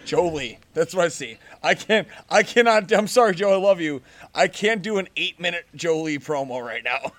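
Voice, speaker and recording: A man's voice: a little high, expressive, normal speed, a bit bright. A man hosting a casual podcast outdoors, joking and swearing through crude banter with friends. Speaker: podcast host. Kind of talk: casual chat.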